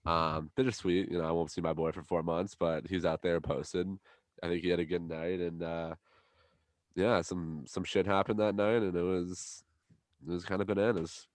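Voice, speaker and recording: Low-voiced young man hosting a podcast. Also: level tone, normal speed, no echo. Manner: joking, crude banter. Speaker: podcast host. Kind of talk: casual chat. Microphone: video call.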